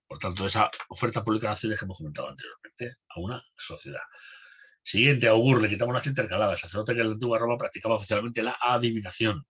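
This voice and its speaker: A man teaching a spelling lesson for an exam course, reading words and definitions one after another in a steady list, with a Spanish accent from Spain. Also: medium pitch, breathy edge.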